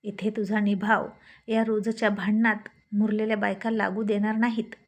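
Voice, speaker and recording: A woman's voice: medium pitch, little pitch movement, normal speed, lightly acted. A woman voicing an older village aunt who is practical, kind and given to scolding. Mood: homely.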